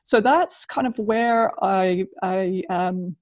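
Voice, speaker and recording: A woman's voice: medium pitch, takes it slowly, darkish tone, no echo. Woman explaining conversationally, dry close sound. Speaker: interview guest, business process consultant.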